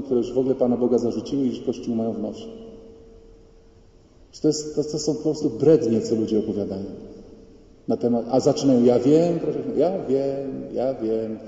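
Dark-voiced priest preaching in an echoey church. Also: male voice, medium pitch. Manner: colloquial, lively, acts out quoted voices. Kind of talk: sermon. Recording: dull, echoey church hall from far off.

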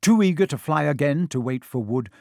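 A man narrating a children's storybook in a measured, expressive way. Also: a little high, creaky, dry recording, studio quality. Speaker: audiobook narrator.

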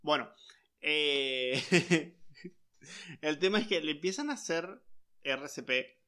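A man, chatting casually about a series, wry and quick to agree. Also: a little high, animated, sharp tone. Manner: wry, chiming in with quick agreeing asides and laughs. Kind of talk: casual chat recapping a series.

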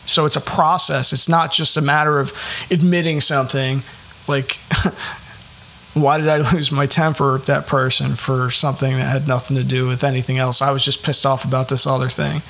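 A man's voice: fairly high pitch, vocal fry, a bit bright. A man co-hosting a casual podcast, talking in a rambling, thoughtful way with a playful side. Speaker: podcast co-host.

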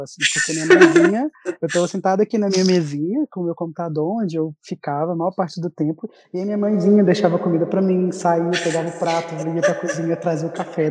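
This young man speaks with a Brazilian accent in a voice that sits on the high side, with a darkish tone and no echo. A recent graduate appearing as a guest, he tells a story animatedly from his desk at home over a video call, in a casual chat full of restarts.

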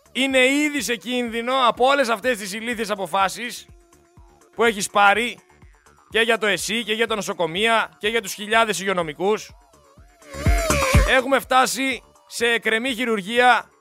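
Guy doing an angry talk radio rant, really high voice, music going underneath. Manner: ranting, scolding, shouting at politicians; reads listener messages aloud. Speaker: radio show host. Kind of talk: angry political radio monologue.

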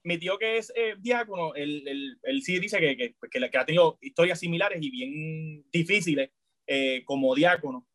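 A man telling a story in casual chat, hesitant, with many restarts, growing animated as he goes. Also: on the high side, normal speed, no room sound, clean studio sound. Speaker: storyteller in a conversation.

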